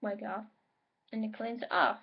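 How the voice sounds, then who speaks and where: A woman's voice: mid-range voice, flat delivery, moderate pace, vocal fry, husky. A woman giving a casual makeup tutorial in a chatty way, with self-correcting asides and an occasional cough. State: coughing now and then. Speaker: makeup vlogger. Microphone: laptop microphone. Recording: dull lo-fi home recording.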